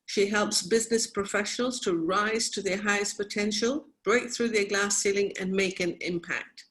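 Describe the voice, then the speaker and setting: Mid-pitched woman giving a rehearsed introduction. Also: moderate pace, fairly bright tone. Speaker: workshop participant. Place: video call.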